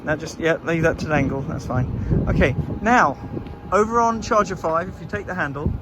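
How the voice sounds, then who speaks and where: A man chatting casually on a road trip vlog, relaxed and full of fillers. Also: a little high, normal speed. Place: outdoors and in a car, on the road. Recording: outdoor background noise.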